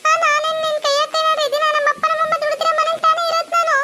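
A woman's voice: very high voice, fairly even intonation, quick pace, loud music behind the voice. A woman voicing a sly, bossy young sister-in-law who schemes and threatens, with a North Karnataka Kannada accent.

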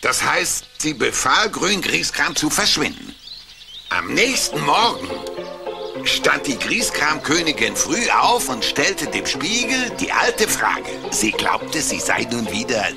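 A man voicing a grouchy furry monster who reads a fairy tale aloud theatrically in a gravelly voice. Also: fairly high pitch, big pitch swings, takes it slowly, exaggerated voice. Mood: dramatic storytelling. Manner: theatrical, emphatic. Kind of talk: storybook fairy-tale narration. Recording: music behind the voice.

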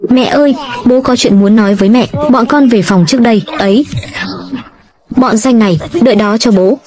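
A woman's voice: fairly high pitch, normal speed. A woman evenly reading a dubbed drama. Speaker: drama recap narrator.

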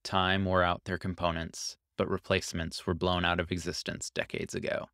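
Deep, smooth-voiced man narrating a story. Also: flat delivery, moderate pace, fairly bright tone, no echo, studio quality. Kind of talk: scripted narration.

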